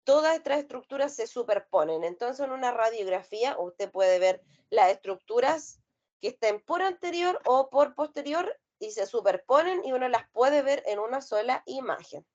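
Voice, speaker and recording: A woman delivers an anatomy lecture, pitching questions to her class and answering them herself. Her voice sits fairly high. The recording has a slightly muffled, lo-fi quality. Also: lively intonation, moderate pace, a little mellow. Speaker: anatomy teacher. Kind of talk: explanatory lecture. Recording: slightly dull lo-fi sound.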